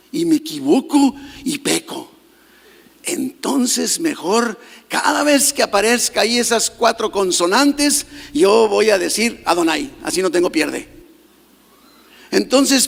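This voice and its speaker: A man's voice: high-pitched, creaky, big-room sound. A man preaching a sermon as pastor, emphatic and often putting questions to the congregation. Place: church.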